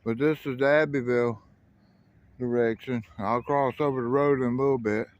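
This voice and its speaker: In a muffled recording, a middle-aged railfan vlogger from South Carolina rambles casually while filming near a rural highway and railroad. His mid-range voice keeps a fairly even intonation and a moderate pace, and his folksy talk is full of self-corrections.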